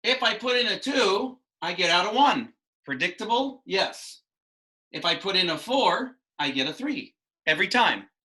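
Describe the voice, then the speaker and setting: Man, thirties, math teacher, bright voice, patient questioning, small home room at a whiteboard. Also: high voice, lively intonation, normal speed, poor audio. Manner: patient, questioning, explains step by step. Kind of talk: online class lesson at a whiteboard.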